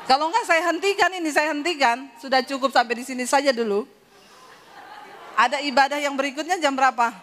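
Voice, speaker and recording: A woman's voice: high voice, a little fast, fairly bright tone, a little hiss or hum. A woman from Sulawesi preaching a humorous sermon, telling stories with animation and frequent laughter. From Sulawesi, Indonesia.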